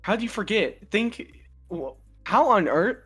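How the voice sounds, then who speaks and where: A man's voice: sits high, sing-song, a little slow, fairly bright tone, slightly rough, soft background music. A man joking and teasing his friends on a livestream. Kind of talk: casual banter.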